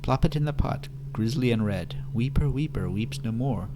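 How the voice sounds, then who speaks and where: A man's voice: mid-range voice, moderate pace, background noise, lightly acted. A man voicing an old slum witch woman, reciting a rhyme in a sing-song, crooning way.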